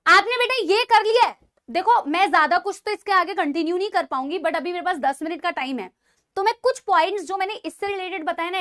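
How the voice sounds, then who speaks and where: A woman with an Indian accent teaching a live online biology class, chatting and teasing her students and dictating notes slowly. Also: very high-pitched, fairly bright tone.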